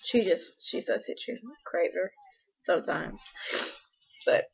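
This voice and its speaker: A woman's voice: fairly low pitch, slow, gravelly, husky, lo-fi sound. A young woman and mother talking heartfelt and emotional to her viewers, filling her speech with "like". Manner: emotional, heartfelt, frequent "like" fillers. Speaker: vlogger, mother. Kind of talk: casual personal talk to camera.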